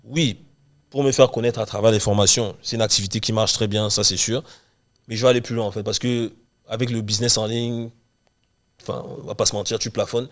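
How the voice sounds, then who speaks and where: Fast-talking young man. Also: on the low side, fairly even intonation. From Cameroon. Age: young adult. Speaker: guest, real estate investor and coach. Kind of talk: casual interview chat.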